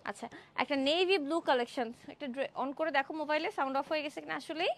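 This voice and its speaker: A young woman from Bangladesh hosting a live-stream clothing sale, chatty and excited, exclaiming over dresses in an indoor showroom. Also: high-pitched, quick pace. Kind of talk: Facebook live sales pitch.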